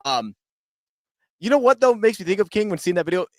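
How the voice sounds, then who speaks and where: A man's voice: high voice, big pitch swings, a little fast, dry recording, clean studio sound. A man on a sports panel in casual chat, rambling and candid with slangy phrasing.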